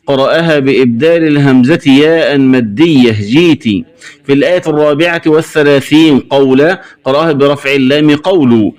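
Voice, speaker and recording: A man teaching Quran recitation variants, stating each rule briskly and then chanting the word slowly and drawn out. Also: on the high side, a little mellow. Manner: brisk rule explanations broken by slow, drawn-out chanted words.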